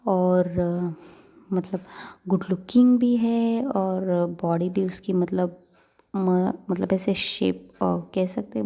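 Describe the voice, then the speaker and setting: Gravelly young woman telling a story casually. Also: medium pitch, mellow. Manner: chatty, filler-heavy, addresses listeners.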